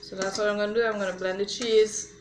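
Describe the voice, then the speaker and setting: A mother talks viewers through a home recipe in an easy, chatty way. Her voice sits at an ordinary pitch for a woman. The kitchen rings with echo, and cutlery and pans clatter behind her. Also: little pitch movement, fast talker, slight background noise. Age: adult mother. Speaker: home cook showing a recipe. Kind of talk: casual cooking demonstration. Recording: echoey kitchen with clattering cookware. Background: dishes, cutlery and blender clatter.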